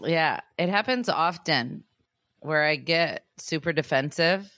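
A woman co-hosting a podcast in casual chat, blunt and joking with quick asides. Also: low-pitched, fairly bright tone, dry recording, studio quality. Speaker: podcast co-host.

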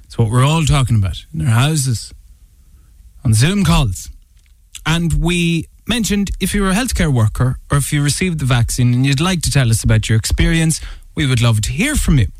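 Man, radio presenter, slightly high pitch, very dry close sound, scripted delivery. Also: animated, moderate pace, no echo, poor audio.

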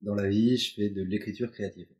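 A man in his thirties, a guest in a casual chat at a couple's apartment, tells stories loosely and fills them with lots of fillers. His voice is lowish and steady, fairly quick, and a little mellow.

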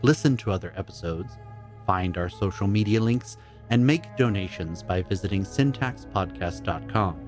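A man's voice: on the low side, moderate pace, music in the background. A man reading scripted end credits as a podcast announcer.

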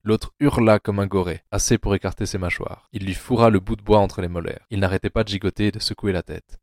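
Deep-voiced male narrator, dry sound. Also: steady tone, fast talker, darkish tone, no room sound. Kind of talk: scripted audiobook narration.

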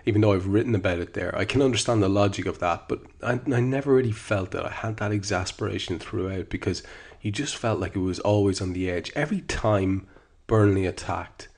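A man's voice: fairly low pitch, brisk, a little mellow. A man hosting a podcast, reading his own column aloud and then talking it over in a wry, wordy, candid way. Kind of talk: column reading and casual commentary.

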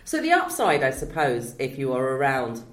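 A woman's voice: very deep voice, huge pitch swings, normal speed. A woman in her forties hosting a podcast interview, chatty and self-deprecating, laughing easily. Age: 40s. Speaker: podcast host. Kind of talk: casual interview chat. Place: comedy venue. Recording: echoey room.

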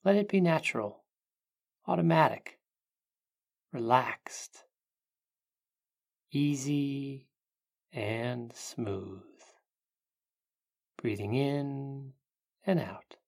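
This meditation narrator sounds like someone reading a sleep story, offering gentle, hushed guidance. Her delivery has long pauses and a creaky quality, at a medium pitch.

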